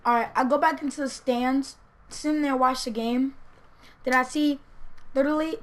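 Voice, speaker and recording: A teenage vlogger telling a story casually and acting out the quotes with lively energy. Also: female voice, fairly high pitch. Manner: animated, acts out quotes.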